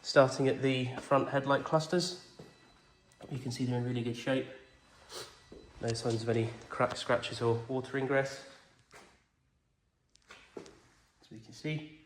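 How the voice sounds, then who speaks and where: A car salesman with a cold walks around a pick-up outdoors, describing its condition plainly, methodically and reassuringly for a walk-around video. His medium-pitched voice stays steady, a little slow, with frequent pauses. The recording is echoey with faint noise.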